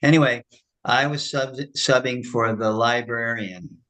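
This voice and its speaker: A man, a retired schoolteacher, leading a spiritual class and telling a story in a casual, animated way. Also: mid-range voice, measured pace, poor audio. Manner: animated storyteller, acts out quoted voices. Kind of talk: casual storytelling after a lecture.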